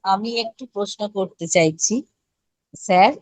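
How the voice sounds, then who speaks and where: A woman's voice: medium pitch, unhurried, a little mellow, no room sound. A woman, a disciple, respectfully asks her teacher a question and struggles to find the right words. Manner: hesitant, searching for words.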